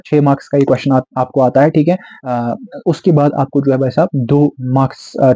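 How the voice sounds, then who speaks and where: A young man teaching exam writing skills, constantly checking in with his students and slowing down to dictate English phrases. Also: mid-range voice, mellow, slightly rough, dry recording. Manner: repeats "theek hai" and "bhai sahab", slows down to dictate English phrases. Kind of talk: exam-prep lecture. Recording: dull lo-fi dry sound.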